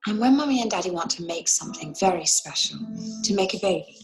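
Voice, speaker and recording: An actress playing a gentle mother who slowly and awkwardly explains the facts of life to her small child. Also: on the low side, lively intonation, music in the background, poor audio. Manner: slow, patient, hesitant and softly awkward. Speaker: mother in a film scene.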